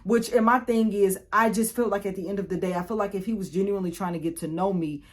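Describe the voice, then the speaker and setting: A young woman, telling a storytime vlog in a chatty, animated way, often repeating and restarting. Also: medium pitch, fast talker. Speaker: YouTuber.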